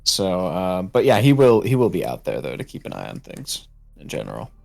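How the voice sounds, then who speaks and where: Very deep-voiced man joking at game table. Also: wildly swooping pitch, fairly quick, creaky, a little mellow. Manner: jokey, agreeable. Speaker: player. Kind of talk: casual chat at a game table.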